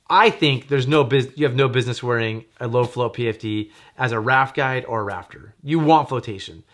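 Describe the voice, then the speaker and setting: A man's voice: mid-range voice, a bit bright. A man hosting a gear show, explaining his opinion in a casual way and thinking aloud with frequent restarts.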